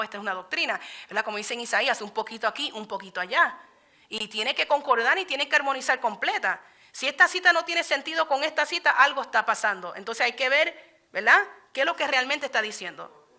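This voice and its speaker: A woman leads a Bible study in a church meeting room. Her voice sits a little high and rings bright and forceful. She talks in a loose, conversational way and keeps asking the group to agree with her. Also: a little fast.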